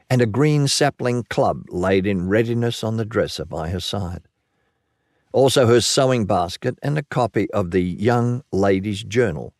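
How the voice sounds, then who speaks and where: A man narrating a classic short story in a dramatic reading, slowing down to stress descriptive phrases. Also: fairly low pitch, no room sound, studio quality.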